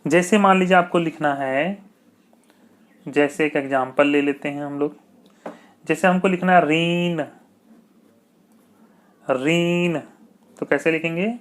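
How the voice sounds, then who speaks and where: Slow, repetitive male teacher. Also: fairly high pitch, fairly even intonation. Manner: slow, repetitive, asks checking questions. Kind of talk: exam-prep grammar lesson.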